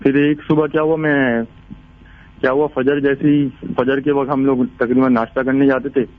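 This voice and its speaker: A man's voice: medium pitch, little pitch movement, normal speed, no echo. Man telling a ghost story over a phone line. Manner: rambling, restarts often. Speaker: caller. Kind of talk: casual storytelling.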